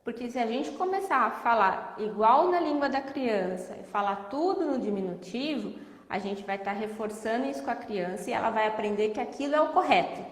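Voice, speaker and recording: A woman's voice: on the high side, brisk. Brazilian woman explaining in an echoey room. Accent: Brazilian Portuguese. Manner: animated, explanatory, chatty. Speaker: speech therapist. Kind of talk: explaining in casual conversation.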